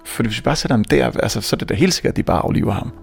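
A young man from Denmark telling a comic story on stage, animated and self-mocking, often stammering and restarting. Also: medium pitch, creaky, music in the background. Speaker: stand-up comedian. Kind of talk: stand-up storytelling.

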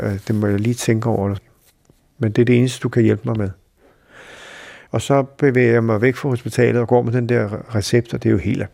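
A middle-aged Danish man telling a personal story in a halting, reflective way, with many fillers. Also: fairly low pitch, gravelly, mellow, husky, dry recording. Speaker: interviewee recalling a friend.

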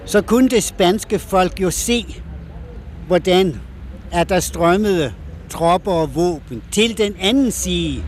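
A man's voice: sits high, a little hiss or hum. An older man giving earnest testimony, searching for words, on an archival recording. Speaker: interviewed veteran volunteer. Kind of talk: recalled testimony.

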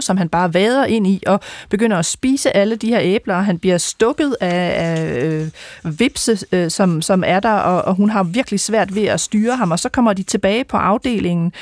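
Someone retelling a story in loose, casual speech, stopping often on filler sounds to find the next words. The voice is mid pitch and recorded close and dry. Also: darkish tone, dry recording. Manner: hesitant, many filler pauses.

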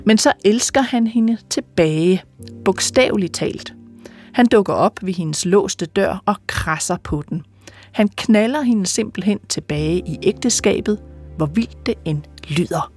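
A woman with a Danish accent narrating a scripted culture report in a calm, measured way. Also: medium pitch, faint music behind.

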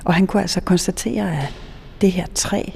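A woman host narrating in a hushed half-whisper inside a church. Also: fairly low pitch, vocal fry, a little hiss or hum.

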